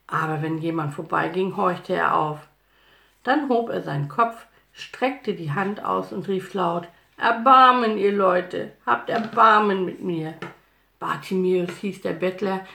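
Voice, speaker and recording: Woman storyteller, children's Bible story, expressive narration, low voice, echoey room. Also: measured pace, creaky. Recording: roomy echo.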